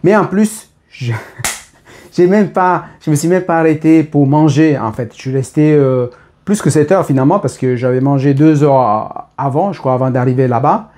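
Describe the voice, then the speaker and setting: A man's voice: a little high, moderate pace, warm tone. A man in his thirties talking casually and spontaneously to camera, rambling with many fillers and restarts. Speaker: vlogger.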